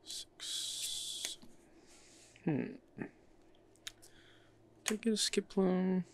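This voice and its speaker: Gravelly man narrating his card game. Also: sits high, drawn-out words, a bit bright, slight background noise. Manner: easygoing, laughs often, thinks aloud. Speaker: card game player and channel host. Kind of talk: casual play-by-play while playing a card game.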